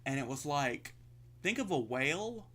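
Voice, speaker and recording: Style: casual podcast chat. Sex: man. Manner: rambling, bright tone. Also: on the high side, big pitch swings, a little slow, slight background noise. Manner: rambling, lots of "like" fillers, swears freely. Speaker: podcast co-host.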